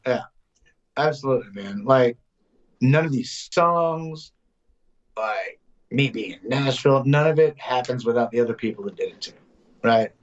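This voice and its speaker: A man in his thirties, a songwriter guest, telling casual, animated stories in an interview. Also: mid-range voice, dull audio. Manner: animated, loose storyteller, slips into quick voices.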